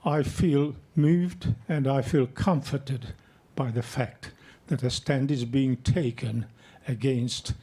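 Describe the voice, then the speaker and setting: Slow, mellow-voiced Hungarian-born man in his 80s. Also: mid-range voice, steady tone, slightly rough. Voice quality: slow, measured, deliberate delivery. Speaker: audience member speaking. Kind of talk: unprepared speech at an event.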